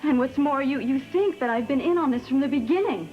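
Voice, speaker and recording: A woman's voice: high-pitched, lively intonation, brisk. An actress playing a proud, defensive, guarded young woman in a television soap opera. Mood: indignant. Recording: dull old TV soundtrack, music underneath.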